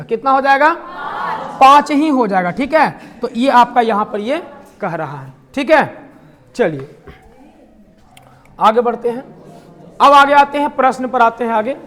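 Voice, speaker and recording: High-pitched math teacher, keeps asking the class stuff and answering it himself, cracks jokes. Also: male voice, fairly bright tone. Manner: asks the class questions and answers them himself, with jokes in between. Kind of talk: classroom lecture.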